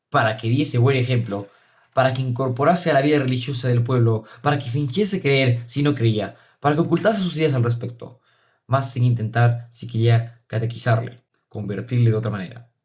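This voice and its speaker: A man narrating a literary audiobook in a measured, solemn, expressive reading. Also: mid-range voice.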